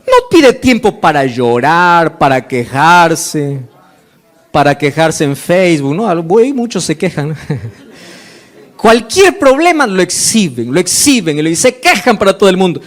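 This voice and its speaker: A man's voice: high voice, sing-song, moderate pace. A male pastor preaching a sermon, acting out dialogue and asking the congregation rhetorical questions.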